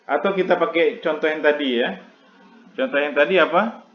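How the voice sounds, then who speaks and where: A man giving a casual math lecture, checking in often with listeners and filling pauses with "eh" and "oke ya". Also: on the high side, dull audio. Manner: checks in constantly with listeners, many fillers.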